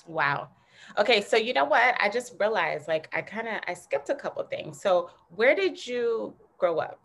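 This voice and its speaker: A woman's voice: medium pitch, big pitch swings, normal speed, a bit bright, slight background noise. A woman interviewing a guest in casual conversation, asking enthusiastic, rambling questions. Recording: dull lo-fi sound.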